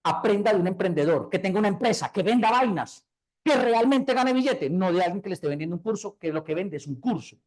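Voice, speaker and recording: A man's voice: sits high, animated, a little mellow. A Colombian man giving a motivational business talk to an audience, emphatic, hammering key words again and again. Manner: fast, emphatic, repeats key words over and over. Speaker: business speaker.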